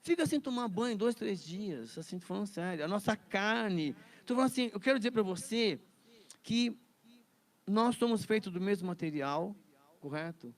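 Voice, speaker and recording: A man's voice: high voice, lively intonation, normal speed. A man teaching a Bible study lesson in a chatty way, laughing often and repeating words.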